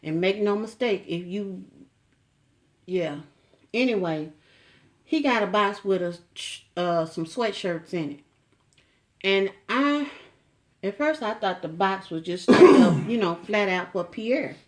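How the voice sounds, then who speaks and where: A middle-aged woman talking casually at home in a folksy, chatty way. She keeps turning aside to address her viewers and tease her husband, with an easy, medium-pitched voice. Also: expressive, slow, long pauses. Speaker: vlogger. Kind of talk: casual chat to camera.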